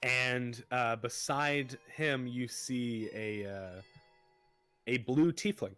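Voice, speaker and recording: A man's voice: medium pitch, slow pace, bright, forceful tone, soft background music. A young man narrating a tabletop game as dungeon master, hesitant and full of fillers. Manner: hesitant, full of ums and uhs.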